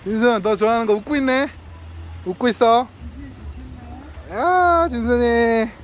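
Brisk and steady in tone, this man's voice is extremely high-pitched. He's a delivery driver vlogging outside, casually sweet-talking dogs and chatting with their owner in a warm, coaxing way, with frequent laughter.

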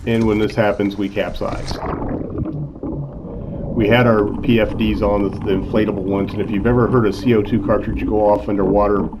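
Low, flat-voiced older man telling a story. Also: moderate pace, noisy background. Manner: easygoing, frequent "uh" fillers. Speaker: channel host, accountant. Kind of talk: casual vlog narration. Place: in a car, then voice-over.

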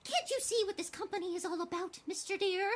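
An actress voicing a pompous, bossy woman company president who makes slow, theatrical pronouncements. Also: extremely high pitch.

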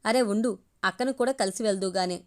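A gentle, shy young woman who speaks softly, voiced by a woman storyteller. The voice stays at a middle pitch, close to the reader's own plain tone. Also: quick pace, close to an everyday voice.

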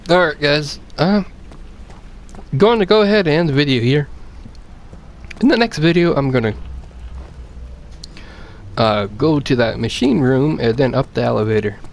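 A man's voice: fairly high pitch, moderate pace, creaky, long pauses. A man commenting casually on a horror game he is playing, talking nervously to himself and his viewers and repeating phrases. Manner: nervous, jittery self-talk, repeating himself and addressing viewers. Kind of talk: casual let's-play commentary.

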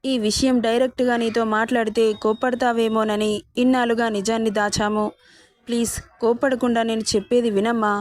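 A calculating older sister who is smooth and persuasive, voiced by a woman narrator. The voice sits fairly high, and the recording is dry and close. It sounds like a story being read aloud, without a distinct character voice. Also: level tone, fairly quick, no echo, soft background music, natural voice.

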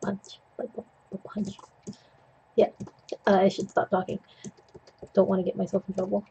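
Picture a gravelly, mid-range voice delivered completely flat and a little slowly, under heavy background noise. It belongs to a young adult digital art tutorial host who rambles with puns and self-deprecating jokes while painting at a desk. They cough now and then, recorded on a webcam mic at home.

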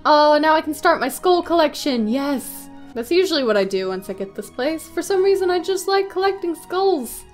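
High-voiced, wry young woman gaming. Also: expressive, normal speed, hardly any pauses, soft background music. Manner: wry, sarcastic. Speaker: let's play host. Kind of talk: casual gaming commentary.

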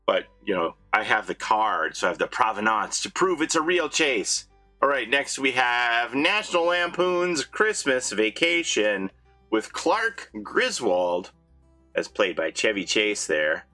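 Animated man chatting through a toy unboxing. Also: unhurried, faint music behind. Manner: animated, jumps between excited highs and muttered asides. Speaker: toy collector vlogger. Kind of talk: casual unboxing chat.

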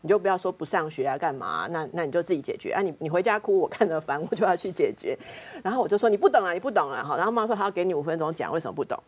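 A woman with a Taiwanese Mandarin accent talks quickly in a slightly low, husky voice. She is a counselor on a talk show, telling casual stories about her family. She acts out her relatives' lines as she goes. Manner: lively anecdotes, acting out family members' words.

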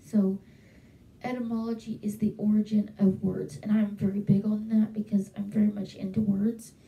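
A young woman, casual and chatty, vlogs enthusiastically from her small home bedroom with frequent fillers, her mid-range voice mellow, level in tone, and at a normal speed. Both a close handheld mic and a webcam are used, but the sound carries a roomy echo, as if from a distance.

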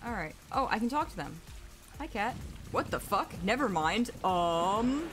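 A chatty woman streamer gives casual gameplay commentary in a bouncy, very animated voice that leaps up and down in pitch, speaking a little slowly. She giggles easily and makes self-mocking jokes. Game soundtrack music plays clearly behind her.

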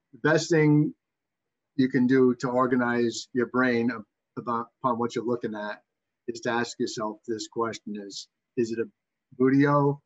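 Husky Boston-accented man, halting lecturer. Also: medium pitch, dull audio. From Massachusetts, USA. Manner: halting, backtracking delivery. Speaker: bird identification instructor. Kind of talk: informal slide lecture.

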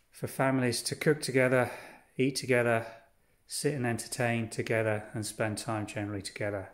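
A man with a medium-pitched voice shows visitors around his holiday cottage, walking from room to room on a guided tour. He describes each space in an unhurried, itemizing way, pausing between items.

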